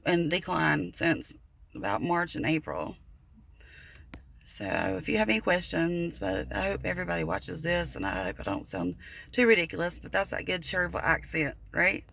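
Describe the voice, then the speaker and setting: A woman in her thirties talking to camera in a casual personal vlog, halting and earnest, with many fillers and restarts. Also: fairly low pitch, creaky, fairly bright tone. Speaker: vlogger.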